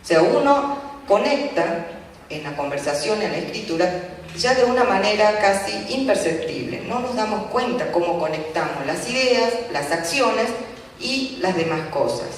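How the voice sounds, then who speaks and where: A teacher gives a lecture at a community event, explaining patiently and pausing often with filler sounds. The voice sits at a middle pitch. It is caught from a distance in a large hall, with heavy echo and a faint hiss. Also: expressive. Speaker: Japanese language teacher. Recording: echoey hall from far off, faint noise.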